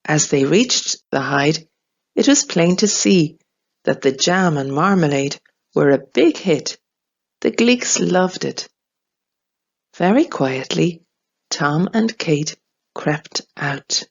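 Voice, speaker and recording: A woman reading a children's storybook aloud, slow, clear and expressive. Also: deep voice, dull audio.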